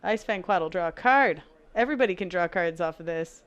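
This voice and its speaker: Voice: mid-range voice, animated, fairly quick, fairly bright tone, smooth, highs cut off. A commentator calling a card game match in a playful, teasing and theatrical way.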